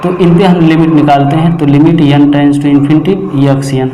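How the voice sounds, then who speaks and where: A man teaching mathematics in a classroom lecture, often asking a question and answering it himself, and slowing down to dictate formulas. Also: a little high, fairly even intonation, dark tone, slight background noise. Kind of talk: classroom lecture explaining problems. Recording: echoey room.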